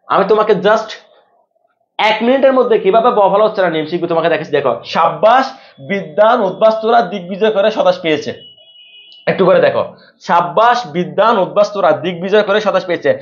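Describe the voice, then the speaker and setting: A high-pitched man teaches a live exam-prep class at a brisk clip. He drills each rule twice, asks the class a question, then answers it himself. The audio is a little muffled and lo-fi. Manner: repeats rules for drilling.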